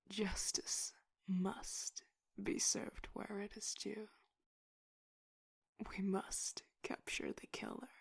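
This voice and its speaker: A woman playing a stern, condescending tough-cop detective in an interrogation, in a whispered role-play with a breathy voice and slow, intimidating delivery. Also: medium pitch, no room sound, clean studio sound, full character voice. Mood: pressing, determined.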